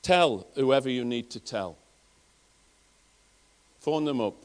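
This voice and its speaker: A man's voice: medium pitch, animated, takes it slowly. A man with a Northern English accent, preaching a sermon and telling personal stories in an earnest way, often restarting his phrases. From England. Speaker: pastor.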